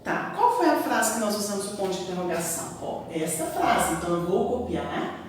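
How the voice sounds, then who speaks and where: A woman's voice: mid-range voice, big pitch swings, fairly quick, slight background noise. A Brazilian woman teacher giving a lesson to children, with a sing-song, emphatic delivery that keeps checking the class understands. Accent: Brazilian Portuguese. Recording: echoey room, recorded from a distance.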